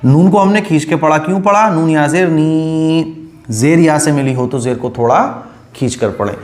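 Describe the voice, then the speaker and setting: A man teaching Quranic letter reading in a patient, repetitive way, drawing syllables out slowly when he demonstrates them. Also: a little high, reverberant. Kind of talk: online recitation lesson.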